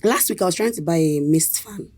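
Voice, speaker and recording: A young woman guest with a lowish voice, giving short, dry answers in an easygoing chat. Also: fairly quick, darkish tone. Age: young adult. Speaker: guest chef. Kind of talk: casual interview chat.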